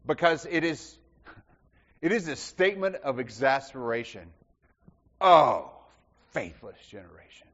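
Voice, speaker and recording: A man preaching with a lively, swooping delivery, piling up repeated phrases and falling to near whispers before rising again. His voice is a touch higher than most men's. The recording is dull and carries a long reverb, as in a large church. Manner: impassioned, rhetorical repetition, swings from loud to hushed. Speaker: pastor. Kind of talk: sermon.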